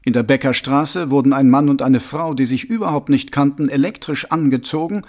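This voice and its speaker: A man reading a novel aloud as an audiobook, with dramatic, expressive storytelling. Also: mid-range voice, brisk. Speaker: audiobook narrator. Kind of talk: scripted audiobook narration.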